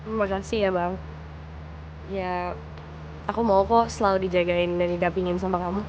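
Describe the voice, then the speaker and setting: A young actress playing a headstrong daughter who wants to become a doctor, in a comic TV serial. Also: female voice, medium pitch, flat delivery, lo-fi sound, slight background noise, natural voice. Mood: gentle. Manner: firm, quick. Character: headstrong young woman, sure of herself. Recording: music behind.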